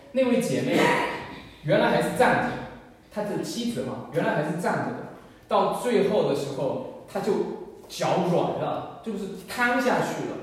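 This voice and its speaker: A man preaches to his congregation, sharing an earnest and emotional story from his own ministry. His voice sits slightly high. He is recorded from well back in a church hall with heavy echo and a long reverb tail. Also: darkish tone. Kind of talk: sermon testimony. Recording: echoey church hall, mic far off.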